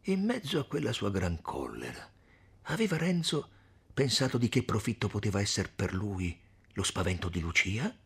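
A man reading a classic novel aloud as narrator in a measured, deliberate way. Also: lowish voice, slightly rough.

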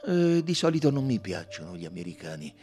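A man reading an audiobook, voicing a stiff, gruff older British army colonel who talks in clipped, grumbling, hesitant phrases. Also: fairly low pitch, very animated, fairly quick, dark tone.

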